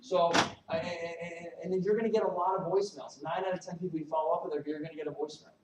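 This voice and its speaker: A man giving a live recruiting training talk to his team, animated and salesy, joking with the audience. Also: on the high side, fast, a little hiss or hum. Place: meeting room at a regional event. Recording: echoey room from a distance, faint ambience.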